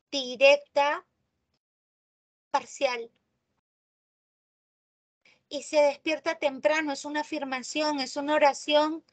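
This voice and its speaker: A woman teaching a live online class in a high, bright-sounding register. She moves at an unhurried pace and lingers on key terms. She keeps asking her students whether they are following along. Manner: checks in often with students, stresses key terms slowly. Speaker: language teacher.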